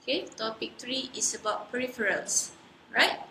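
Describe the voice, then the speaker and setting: A woman's voice: a little high, moderate pace, vocal fry, sharp tone. A woman lecturer speaking to her class over a video call, often checking in with "okay?" and "right?". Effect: heard over a video call. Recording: echoey room over a video call, faint noise.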